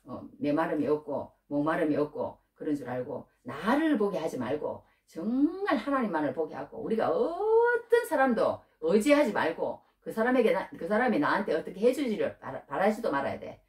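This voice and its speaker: A woman pastor preaching a sermon, emotional and conversational, rising to high bursts. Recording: roomy echo from far off.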